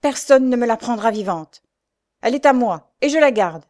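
A hulking young villain from a classic storybook, menacing and sneering, throwing out threats in a raised, loud voice. A woman narrator acts him out, pushing her voice up higher and harder for his taunts. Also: very animated, moderate pace.

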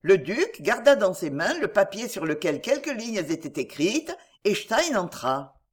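Expressive woman reading a novel aloud. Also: medium pitch, slightly rough. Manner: expressive, measured storytelling. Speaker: audiobook narrator. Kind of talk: scripted narration of a novel.

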